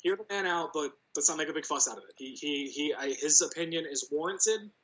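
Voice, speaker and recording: A man's voice: fairly high pitch, fairly quick, fairly bright tone, rough recording. A man co-hosting a podcast in casual chat, rambling with lots of restarts and cursing freely. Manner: rambling, stammering restarts, heavy swearing. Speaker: podcast co-host.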